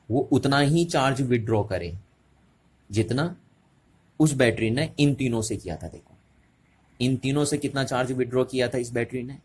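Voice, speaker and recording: A man's voice: medium pitch, breathy edge. A man teaching a physics lesson at a board, explaining step by step and often checking with the students. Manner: repetitive, checking questions to students.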